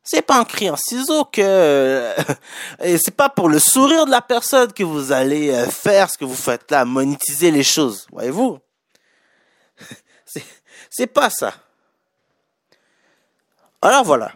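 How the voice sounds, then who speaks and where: A man's voice: fairly high pitch, big pitch swings, slow, pauses often, dry recording, studio quality. A man with a Québécois accent giving casual spoken business advice to viewers, chatty and correcting his own wording as he goes. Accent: Québécois French. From Quebec.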